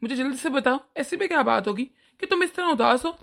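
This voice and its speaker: A woman's voice: sits high, expressive, fast talker, gravelly, a bit bright, voice pushed down, full character voice. A woman voicing a caring, concerned young husband in a cartoon. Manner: concerned, reassuring. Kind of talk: cartoon voice acting.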